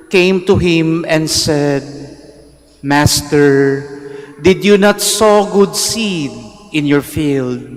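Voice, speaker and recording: A man, a priest slowly and carefully reading the Gospel and preaching at Mass, his voice echoing through a large church. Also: on the high side. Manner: slow, measured liturgical delivery. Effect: cathedral echo. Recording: long church reverb.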